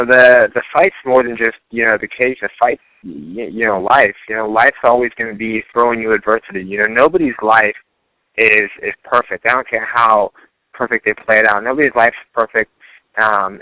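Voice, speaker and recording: Earnest man with a bright voice. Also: mid-range voice, dry recording, low-quality recording. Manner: earnest, many you-knows and restarts. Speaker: fighter guest. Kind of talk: casual interview.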